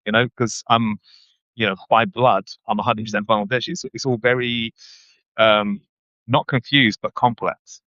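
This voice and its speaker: A man, a guest speaking thoughtfully in a casual interview, often pausing and restarting. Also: on the low side, fairly even intonation, sharp tone, no room sound. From London, England. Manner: reflective, hesitant with many restarts and ums. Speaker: guest, running writer. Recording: dull, dry lo-fi audio.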